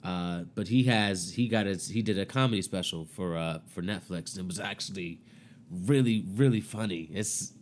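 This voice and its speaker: A man's voice: sits low, moderate pace, a little hiss or hum. A young man co-hosting a casual podcast chat, loose and profane, often breaking into laughter between phrases. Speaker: podcast co-host.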